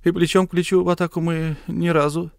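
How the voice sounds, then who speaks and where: A man's voice: a little high, level tone, a little fast, creaky, darkish tone, smooth, dry recording, studio quality, voice pushed up. A man doing Khvostov-Pogibelsky, a cautious polite officer. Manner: hesitant, deferential, old-fashioned polite speech. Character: cautious polite army staff captain, old comrade.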